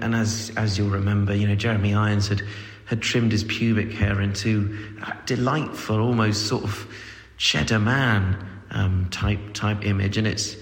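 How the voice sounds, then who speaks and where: A man playing a pompous, rambling male listener who pads his talk with fillers. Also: lowish voice. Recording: echoey hall.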